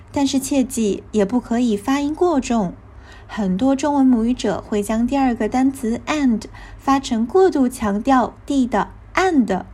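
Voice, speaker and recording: A woman with a slightly high voice teaches English pronunciation in a scripted lesson. She explains each sound slowly and with care. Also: a little mellow. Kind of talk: scripted instructional narration.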